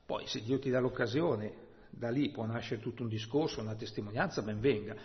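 A male preacher of ordinary pitch, unfolding a Bible passage with slow, weighty emphasis and frequent rhetorical asides to his congregation. The recording sounds dull and muffled, with a long church-hall reverb trailing behind his words. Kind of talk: sermon.

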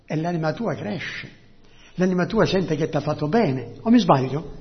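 A man with a high voice preaches a sermon. He calls out alleluia and keeps asking the congregation questions. The recording sounds dull and lo-fi. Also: expressive, normal speed. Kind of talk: Pentecostal-style sermon.

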